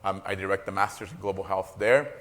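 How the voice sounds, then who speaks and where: A Costa Rican man of about forty delivers a keynote academic lecture through a lapel mic in a large hall, where the recording carries a long reverb. His voice is low and fairly bright, his pace fairly quick, and his intonation fairly even. He comes across as hesitant, leaning on lots of fillers and slipping in small jokes.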